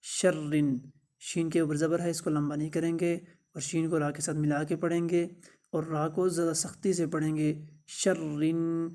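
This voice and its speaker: A man with a Pakistani Urdu accent teaching Quran recitation step by step, chanting verses slowly between spoken explanations. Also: on the high side, little pitch movement, warm tone. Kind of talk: slow step-by-step recitation lesson.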